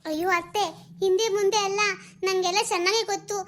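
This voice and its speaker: A woman voicing a jealous, sharp-tongued young wife in an animated drama, scolding and accusing. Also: very high voice, fast talker, slight background noise. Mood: furious.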